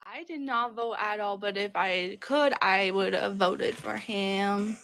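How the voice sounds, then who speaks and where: A woman's voice: medium pitch, slow pace, a bit bright. A young woman in her early twenties from Colorado, a hesitant, nervous caller in a casual chat. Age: 20s.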